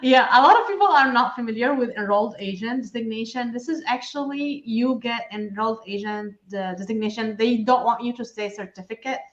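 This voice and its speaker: A woman's voice: fairly high pitch, brisk, few pauses, reverberant, muffled recording. A middle-aged woman from Syria, a guest chatting earnestly in an interview with many fillers and restarts, on a video call. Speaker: guest, enrolled agent for nonprofits. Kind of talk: casual interview talk.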